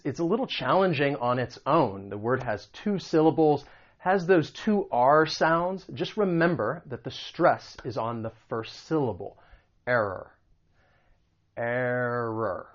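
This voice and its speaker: An American man teaching English pronunciation, patiently repeating example phrases slowly. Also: mid-range voice, lo-fi sound. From United States. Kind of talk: explaining and demonstrating pronunciation.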